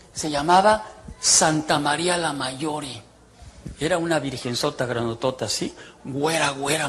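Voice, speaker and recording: A man, a former priest telling his testimony with jokes and asides to the crowd. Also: a little high. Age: 60s. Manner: storytelling, jokey, teasing the audience. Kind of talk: humorous testimony sermon.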